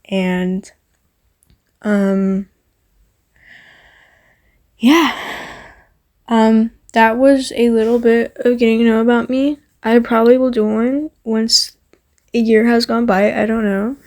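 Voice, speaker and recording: A Roblox YouTuber shares an earnest, heartfelt message with her viewers, her voice on the high side, steady, and slightly mellow. She speaks slowly with long pauses, rambling through plenty of fillers and repeating herself for emphasis.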